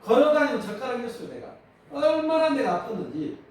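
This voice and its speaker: A male pastor with a Jeolla accent preaching a sermon, animated and calling out questions to his congregation. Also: very high voice, quick pace, a little hiss or hum. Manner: animated, calls for congregation responses. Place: church sanctuary. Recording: distant mic in echoey church hall.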